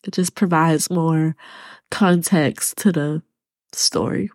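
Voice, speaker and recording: A woman hosting her own podcast, talking to her listeners in a halting, choked-up way and close to tears. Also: low voice, fairly even intonation, a little mellow, dry recording. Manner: speaks to listeners as y'all. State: tearful. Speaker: podcast host. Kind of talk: personal solo podcast talk.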